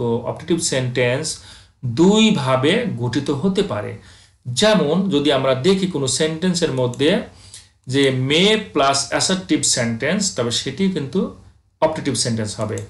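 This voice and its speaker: A man teaching English grammar over slides, asking his students questions and answering them himself, reading the English examples out slowly. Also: a little high, echoey room. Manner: addresses students as dear friends, asks and answers own questions; reads English examples slowly, then explains.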